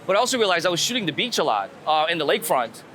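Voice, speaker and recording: On a city street, a man with a fairly high, sing-song, slightly bright voice talks at a racing clip during a casual walk-and-talk interview about his street photography. He thinks aloud and repeats words as he goes, while traffic and urban ambience fill the outdoor recording.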